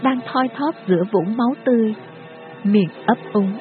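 A woman narrating a dramatic story in a steady, grave manner. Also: fairly high pitch, moderate pace. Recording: tinny phone-like audio with music behind.

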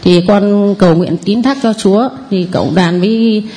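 A woman in her forties with a northern Vietnamese accent gives a nervous, rambling testimony to a priest, deferential throughout. Her mid-range voice has a dark tone and moves at a normal speed.

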